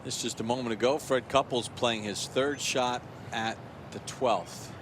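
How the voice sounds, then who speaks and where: A man anchoring a live golf broadcast with a polished, measured announcer delivery. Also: medium pitch, steady tone, background noise. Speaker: lead broadcast host.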